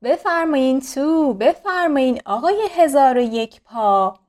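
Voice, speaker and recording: A woman's voice: high-pitched, expressive, darkish tone. A woman voicing a cheerful little millipede child. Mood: delighted.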